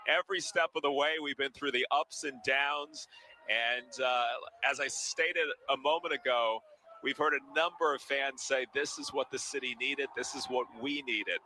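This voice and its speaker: A man's voice: medium pitch, steady tone, moderate pace, pushed and bright, rough recording. A man anchoring live coverage with broadcast commentary. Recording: faint background noise.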